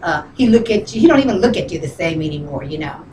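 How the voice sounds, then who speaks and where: A woman's voice: low-pitched, animated, fast talker, recorded from a distance, noisy background. A middle-aged woman telling a comic, tearful story, chatty and full of "you know", "honey" and "girl".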